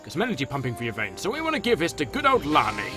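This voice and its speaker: A man's voice: a little high, huge pitch swings, very fast, over music. A man doing casual, jokey game commentary as a let's-play host. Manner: playful, jokey, rambling asides.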